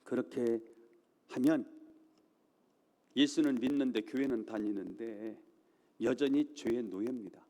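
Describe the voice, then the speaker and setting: A man's voice: mid-range voice, measured pace, long pauses, dark tone. A man preaching a sermon in a church, emphatic, with repeated phrases and rhetorical questions. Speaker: pastor. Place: church sanctuary. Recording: reverberant church hall.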